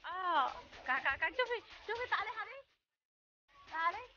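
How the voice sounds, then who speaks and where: A young woman filming on her phone at an outdoor animal farm, gently coaxing a small child to feed the animals and mixing in words from other languages. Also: very high voice, animated, moderate pace, highs cut off, background noise. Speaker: vlogger and parent. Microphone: handheld phone filming.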